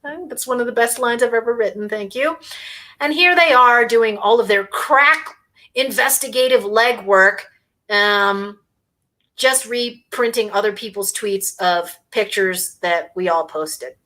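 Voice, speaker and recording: A woman hosting a casual livestream in a bright, sharp voice. She talks with biting sarcasm and scorn. She sometimes chews on food between remarks. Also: a little high, measured pace. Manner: eating while talking. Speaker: host.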